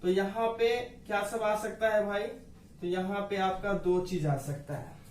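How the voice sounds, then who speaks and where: Man, high voice, patient grammar teacher, echoey room heard from a distance. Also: steady tone, measured pace, a little mellow, slight background noise. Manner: patient, repeats rules, addresses dear students. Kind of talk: classroom explanation to students.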